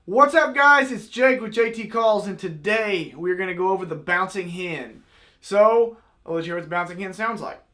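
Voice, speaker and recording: A man with a notably high voice teaches hunting calls in a casual tutorial style. He is plain-spoken and folksy, walking through technique step by step like an everyday instructor. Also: moderate pace, bright, forceful tone. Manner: folksy, plain-spoken, demonstrates with spoken sound syllables. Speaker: duck call maker and instructor.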